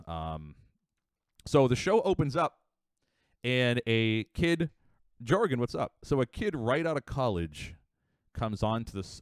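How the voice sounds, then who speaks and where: Young man, live-stream chat, rambling with fillers, middling pitch, dry close sound. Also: a little mellow, clean tone, no room sound. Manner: rambling, with many fillers and quick asides to chat. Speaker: livestreamer.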